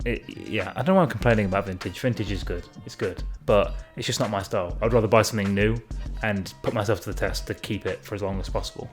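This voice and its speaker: A man chatting casually to camera as a fashion vlogger, self-mocking and sweary, often trailing off and restarting his sentences. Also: lowish voice. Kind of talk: casual rambling chat to camera.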